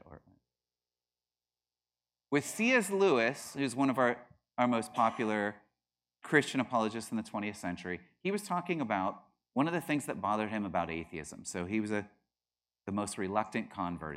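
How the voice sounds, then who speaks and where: A man's voice: on the low side, moderate pace. A middle-aged man teaching a class, arguing his points with rising emphasis and acting out quoted voices. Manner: animated, acts out quoted voices with bursts of laughter. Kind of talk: classroom lecture.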